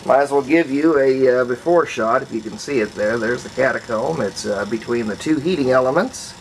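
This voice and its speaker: A hobbyist restorer who hosts videos demonstrates hands-on work, narrating casually and folksily in a gravelly, creaky voice of medium pitch. He speaks at a normal speed but takes his time, thinking aloud as he goes. The homemade recording is low quality, with faint noise underneath.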